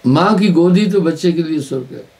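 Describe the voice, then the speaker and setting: A man's voice: on the high side, animated, brisk, darkish tone. A man preaching at a live spiritual gathering, telling stories and driving points home by repeating words. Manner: storytelling with emphatic repetition. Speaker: spiritual teacher. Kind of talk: live satsang sermon.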